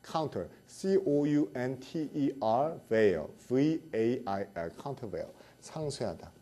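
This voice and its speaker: A man's voice: mid-range voice, extremely slow. Middle-aged guy lecturing on vocab, bouncy up-and-down voice, keeps checking in w/ the class. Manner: animated, repeats words and checks with "그쵸?".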